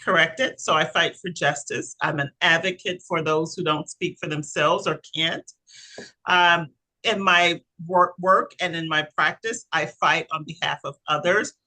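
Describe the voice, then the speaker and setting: A woman's voice: low-pitched, unhurried, low-quality recording. A woman co-hosting a podcast and working as a coach, chatting expressively and laughing as she talks. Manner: expressive, laughs while talking. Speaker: podcast co-host, life coach. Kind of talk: casual chat.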